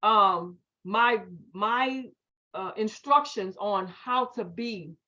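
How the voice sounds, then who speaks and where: A middle-aged woman, telling an animated, emphatic story to a group. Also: on the low side. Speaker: speaker. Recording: dull lo-fi audio.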